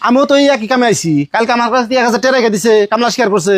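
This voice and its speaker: A man acting a fussy, gullible village farmer in a comedy drama, talking quickly and exclaiming often. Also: very high voice, steady tone. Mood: fussing. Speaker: farmer hiring laborers.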